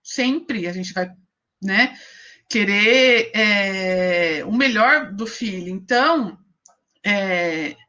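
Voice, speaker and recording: Bright-voiced Brazilian woman psychologist. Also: mid-range voice, drawn-out words, lo-fi sound. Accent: Brazilian Portuguese. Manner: conversational, keeps addressing the audience with tag questions. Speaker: mother. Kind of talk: live-stream advice talk.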